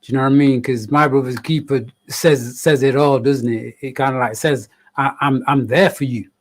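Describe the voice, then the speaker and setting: A man's voice: mid-range voice, fairly even intonation, moderate pace, a little hiss or hum. A man hosting a chat show, encouraging and friendly with his guests. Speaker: host. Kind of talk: casual conversation.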